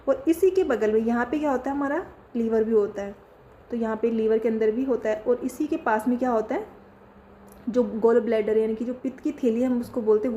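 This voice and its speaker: A woman's voice: a little high, mellow, dull audio, a little hiss or hum. A woman teaching a lesson, who keeps asking questions and answering them herself. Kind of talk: classroom lesson.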